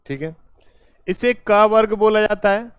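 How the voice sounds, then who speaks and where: A man's voice: high-pitched, unhurried, a bit bright, smooth, no echo. A male teacher giving a classroom lecture at a board, coaxing students with repeated quiz questions and calling them "beta". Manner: calls listeners "beta".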